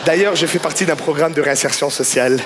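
Brief: stand-up man, animated and self-deprecating, high pitch, noisy live club sound. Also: fast. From Quebec, Canada. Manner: self-mocking, animated storyteller. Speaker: stand-up comedian. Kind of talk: stand-up comedy routine.

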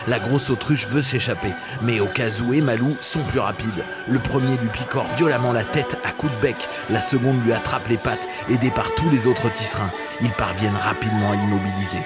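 Guy reading a kids storybook, lively and clear, music playing under him. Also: mid-range voice. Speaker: narrator. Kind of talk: scripted storybook narration.

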